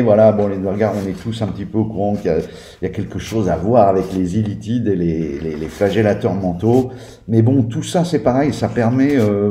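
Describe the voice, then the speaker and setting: A man's voice: on the low side, dark tone. A man reviewing a tabletop game book in a casual, hesitant way, with many fillers and restarts. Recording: echoey room.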